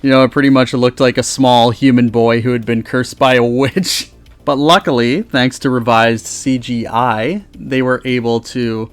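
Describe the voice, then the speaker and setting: A man acting as video host and reviewer presents a countdown review casually and enthusiastically, chatting close to a USB microphone. The recording is dry. His mid-range voice is clear and resonant, steady in tone, at a moderate pace.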